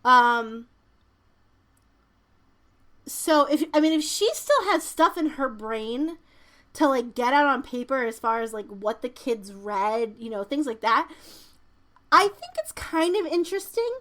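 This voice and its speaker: A woman's voice: sits high, lively intonation, a little slow, pauses often, a bit bright. A woman co-hosting a podcast in casual chat, informal and emphatic, sometimes reading out news items. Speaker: podcast co-host.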